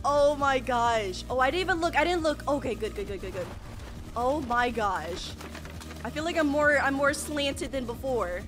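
A woman giving gameplay commentary, muttering encouragement to herself in an excitable way. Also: sits high, moderate pace, music in the background. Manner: self-coaching, excitable muttering. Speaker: gamer reacting.

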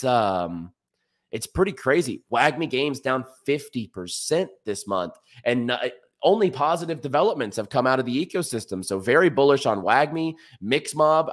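A young American man hosting a show, giving casual, enthusiastic and slangy market commentary. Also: medium pitch. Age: young adult. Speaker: crypto show host. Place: small indoor room, streaming setup.

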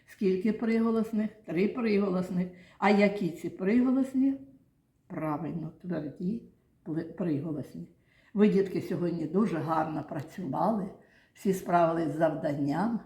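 A woman's voice: lowish voice, normal speed, mellow, echoey room. A woman kindergarten teacher leading young children through a lesson, patiently asking questions, praising answers and spelling out sounds and syllables.

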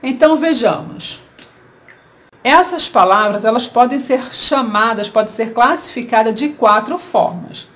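A woman with a Brazilian Portuguese accent teaching a children's grammar lesson, explaining slowly and asking rhetorical questions. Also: on the high side, fairly bright tone.

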